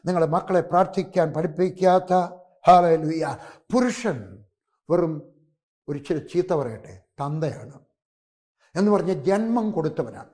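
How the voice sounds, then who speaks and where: Older pastor preaching a story-driven sermon. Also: male voice, on the high side, expressive, normal speed, long pauses. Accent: Keralite Malayalam. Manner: storytelling preacher, swings between loud exclamations and hushed asides.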